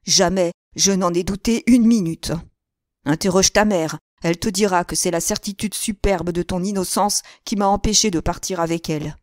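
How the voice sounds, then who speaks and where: An aging, emotional noble father, voiced by a woman reading an audiobook. The lines come out tender and heartfelt in a lower, dry voice. It is read plainly rather than acted out in a new voice. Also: moderate pace, darkish tone, dry recording, lightly acted. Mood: emphatic.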